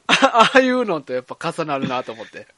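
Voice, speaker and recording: A man with a Kansai accent, chatting casually as a co-host, laid-back and teasing, with many short agreeing replies. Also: a little high. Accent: Kansai Japanese. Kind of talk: casual chat.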